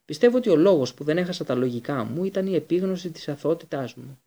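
A fierce, bitter escaped prisoner from a storybook, voiced by a male audiobook reader. He speaks with intense, accusing weight. The voice is mellow and husky, pitched a little high. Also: lively intonation. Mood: reflective. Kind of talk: audiobook character reading.

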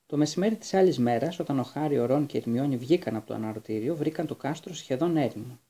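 A man reading a storybook aloud as narrator, in a steady, measured way. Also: mid-range voice. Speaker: audiobook reader.

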